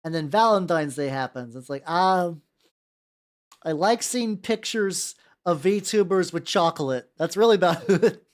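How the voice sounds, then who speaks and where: An animated livestreamer keeps up a constant stream of casual chat while painting miniatures. The voice sits at a middle pitch but swings up and down a lot, and the talk rambles along with plenty of swearing. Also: measured pace. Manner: rambling, talkative, foul-mouthed. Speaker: livestream host.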